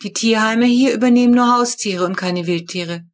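A woman's voice: on the high side, normal speed, voice pushed up, close to an everyday voice. A woman reading a storybook, voicing a serious male vet who explains things earnestly.

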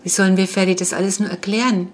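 A woman's voice: mid-range voice, level tone, quick pace, close to an everyday voice. A woman reading the part of a practical, caring sister, reassuring and a little impatient.

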